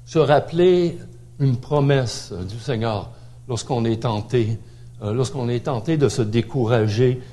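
A middle-aged man with a Québécois accent preaches, his voice mellow and warm. He talks in a loose, conversational way, often repeating words and adding small tags. His pitch sits in an ordinary middle range. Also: unhurried. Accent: Québécois French. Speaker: pastor. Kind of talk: sermon.

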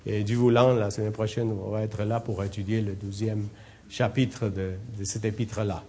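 A man with a foreign accent leading a Bible study, exhorting the group and often pausing, with many fillers and restarts. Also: on the low side, little pitch movement, a little mellow, a little hiss or hum. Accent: non-native French accent. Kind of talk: informal Bible study teaching.

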